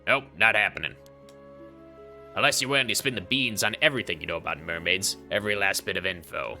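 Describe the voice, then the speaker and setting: A man's voice: deep voice, quick pace, gravelly, sharp tone, soft background music, voice pushed down, full character voice. A man voicing a smug, greedy schemer. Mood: taunting. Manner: taunting, smug. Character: greedy scheming man obsessed with mermaids and immortality. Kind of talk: game voice-over by a streamer.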